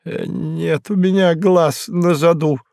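A man voicing a frightened, beaten, surly hard-drinking man who talks in a hoarse, rasping voice and breaks into shouts. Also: a little high, steady tone, slow pace, no echo, clean studio sound, voice pushed up. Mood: sullen. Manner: sullen, then bursting into shouts.

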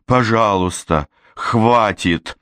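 A man's voice: lowish voice, very slow, a bit bright, clear, resonant tone, no room sound, studio quality, pitched above the performer's own voice. A man doing a whining, frightened young prince. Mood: panicked. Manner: pleading, strained, raised.

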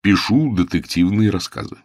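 A curt, cold young male writer from a storybook, read by a man in his own deep voice. He speaks slowly and flatly, with a low, dry tone. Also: dry recording.

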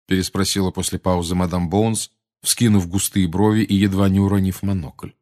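A man narrating an audiobook in an expressive storytelling manner. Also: low voice, normal speed. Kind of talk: scripted narration.

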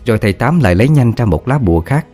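A man narrating an audiobook ghost story in a steady, dramatic way. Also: mid-range voice, very fast, soft background music.

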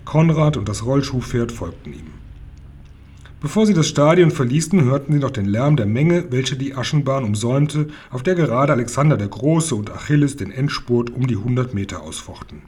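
A man reading a children's novel aloud in a relaxed way, with small slips and his own asides. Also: mid-range voice, breathy edge. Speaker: reader of a children's book.

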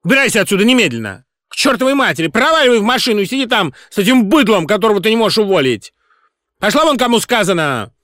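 A man voicing a spiteful, hysterical male pop singer who screeches insults in a very high, loud voice. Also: very animated, fast talker, dry recording, clean studio sound, exaggerated voice. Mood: shrieking rage.

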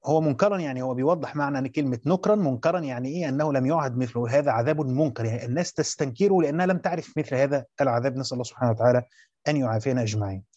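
Here the Egyptian-accented teacher races along at medium pitch, his tone mellow, explaining Quranic commentary step by step, repeating phrases and questioning his students. No room sound comes through the muffled, dry lo-fi recording.

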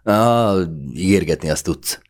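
A man's voice: low-pitched, pitched above the performer's own voice, lightly acted. Man putting on a snapping bitter woman. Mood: bitter, angry. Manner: snapping, accusing, raised voice. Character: bitter, sharp-tongued young woman lover.

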